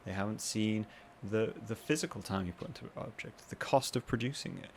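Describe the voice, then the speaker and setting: A man hosting a podcast in a casual, rambling monologue, with self-mocking asides and quoted voices acted out higher. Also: brisk, slight background noise. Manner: acts out what others say in higher voices. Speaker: podcast host.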